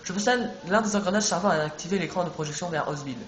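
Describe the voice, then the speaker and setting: A man's voice: sits high, quick pace, natural voice. A man voicing a washed-up, boastful cartoon detective from a video game, reading the lines aloud plainly. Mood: glum. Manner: reads dialogue aloud plainly. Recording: echoey room, music behind.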